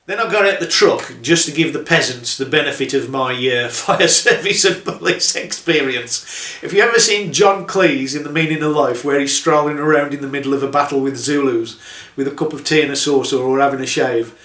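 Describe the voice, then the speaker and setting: A man's voice: medium pitch, a little fast, fairly bright tone, roomy sound. A middle-aged man telling trucking stories in a casual, dry, sardonic way, chuckling at his own jokes. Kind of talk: casual anecdotal storytelling.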